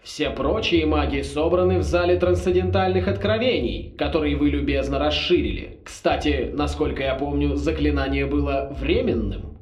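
Audiobook villain: man doing a suave, menacing old ex-rector sorcerer, slow measured delivery, echoey sound. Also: fairly high pitch, close to an everyday voice. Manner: slow, loud, menacingly polite. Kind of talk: audiobook character voice.

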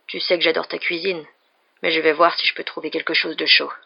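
A woman voicing a friendly young ex-paratrooper man in a read-aloud novel, calm and a bit awkward. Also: sits low, a little fast, vocal fry, slightly rough, dull audio, heavily acted.

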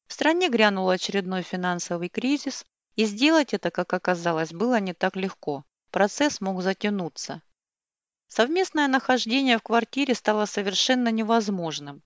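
A woman narrating a family drama in a steady, measured reading voice. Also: mid-range voice, dry recording. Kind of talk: storytelling reading. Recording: dull dry lo-fi recording.

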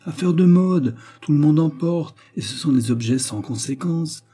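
A man's voice: a little high, lively intonation, normal speed, warm tone, soft background music, voice pushed up. A man reading aloud, voicing a moody, sarcastic young man who questions insistently. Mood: explaining. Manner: insistent, half-ironic questioning.

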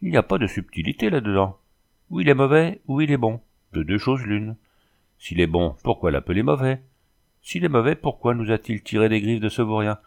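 A man's voice: on the low side, sing-song, fairly quick, vocal fry, a little mellow. A man doing a chatty, over-polite old soldier. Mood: puzzled. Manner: chatty, overly polite, exclamatory. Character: talkative, deferential former cavalryman, blustering. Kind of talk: audiobook character voice.

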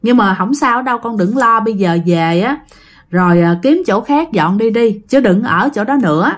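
A woman voicing a calm old village shaman. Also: fairly high pitch, moderate pace, close to an everyday voice. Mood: reassuring. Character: older male village shaman, calm and reassuring.

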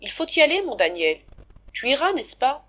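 A woman voicing a gentle, caring young man who scolds his brother softly and affectionately, in a storybook reading. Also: high voice, big pitch swings, normal speed, dull audio, voice pushed up. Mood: coaxing.

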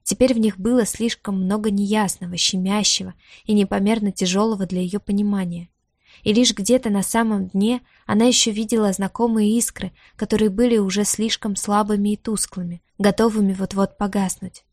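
A woman's voice: medium pitch, steady tone, fairly quick, darkish tone, dry recording, studio quality. Woman narrating a fantasy audiobook. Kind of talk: scripted narration.

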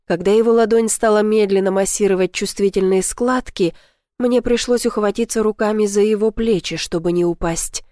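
A woman narrating a first-person romance audiobook in a soft, unhurried, intimate reading. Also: mid-range voice, fairly even intonation, no room sound, studio quality.

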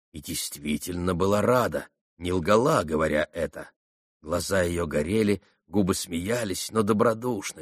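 Guy reading an old novel aloud, lowish voice, dry close mic, steady and earnest. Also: no room sound. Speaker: audiobook narrator. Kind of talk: literary audiobook narration.

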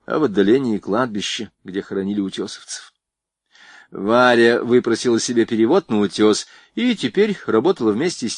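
A man's voice: medium pitch, no room sound, clean studio sound. A man narrating a novel expressively as an audiobook reader. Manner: expressive, varied voicing. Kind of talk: scripted narration.

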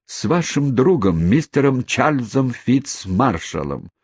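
A man voicing a flustered older English gentleman who pleads desperately, in an audiobook reading. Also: medium pitch, very animated, slow, breathy edge, dry recording, clean studio sound, voice pushed up, exaggerated voice. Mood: earnest. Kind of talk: audiobook character voice.

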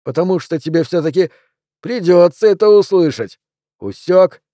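A man's voice: sits high, lively intonation, moderate pace, warm tone, dry recording, studio quality, voice pushed up. A man voicing a teenage boy bully who drawls lazy, insinuating threats. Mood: menacing.

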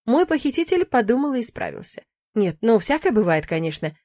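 A woman's voice: on the high side, fairly quick, no room sound. Woman narrating a fantasy audiobook. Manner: expressive, emotive reading. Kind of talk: first-person audiobook narration.

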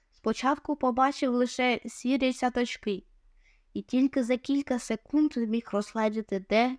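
A woman narrating an adventure audiobook in a measured, expressive way. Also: fairly high pitch, no echo, studio quality.

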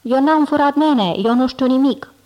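A woman's voice: sits high, lively intonation, highs cut off, pitched above the performer's own voice. A woman voicing a small, scared boy dragon pup who whines and pleads, in an audiobook reading. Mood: whiny. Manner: whining, pleading.

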